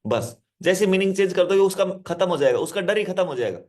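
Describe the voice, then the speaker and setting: Male hypnotherapist, somewhat high voice, instructive self-help lesson, repeats each point and speaks straight to the listener. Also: lively intonation, quick pace, a little mellow. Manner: repetitive, instructive, addresses listener directly; explains with simple word examples.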